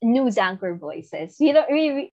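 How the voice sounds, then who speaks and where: A woman's voice: on the high side, measured pace, lo-fi sound. A Filipino woman, a news anchor, chatting casually as a podcast guest, giggling often and making fun of herself as a geek. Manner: giggly, self-deprecating, animated. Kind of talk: casual podcast chat mixing English and Tagalog.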